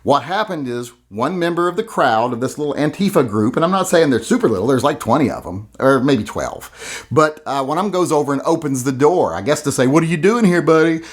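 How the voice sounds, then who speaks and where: A man's voice: mid-range voice, animated, fairly quick. A man commenting on a video in a blunt, profane and mocking way. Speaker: gun channel host.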